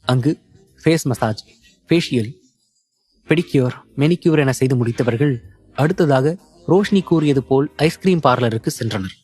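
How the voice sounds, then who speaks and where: Brief: male audiobook narrator, calm, measured, mid-pitched. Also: slightly rough. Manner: even, measured storytelling.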